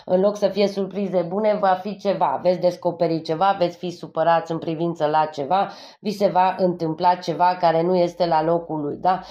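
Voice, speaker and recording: Slightly stuffed up from a cold, a Transylvanian woman from Romania reads tarot for her viewers, addressing them warmly and often asking "yes?" to check in. Her lowish voice has a warm tone and fairly even intonation, and the recording sounds dull and lo-fi.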